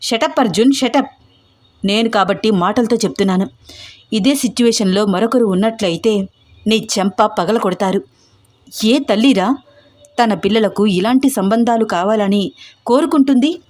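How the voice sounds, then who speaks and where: A woman voicing a furious, strict middle-aged mother who scolds in shrill outbursts. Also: normal speed, long pauses, a little mellow, close to an everyday voice. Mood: angry scolding.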